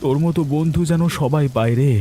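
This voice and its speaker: A man's voice: on the high side, quick pace, mellow, slight background noise, close to an everyday voice. A man voicing a poor, kind-hearted ox-cart driver in a cartoon, earnest and worried. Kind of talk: Bengali cartoon voice acting.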